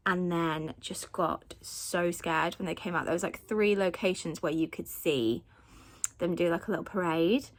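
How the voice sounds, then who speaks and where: A woman's voice: on the low side, fairly bright tone. A woman, chatting casually to camera in a rambling way with lots of fillers, recorded as a phone video held at arm's length. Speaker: family vlogger.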